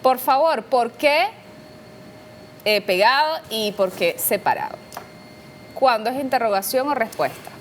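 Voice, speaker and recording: Brisk woman host reading questions. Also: fairly high pitch, expressive. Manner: brisk, reads out viewer questions, short backchannels. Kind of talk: casual interview. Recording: faint background noise.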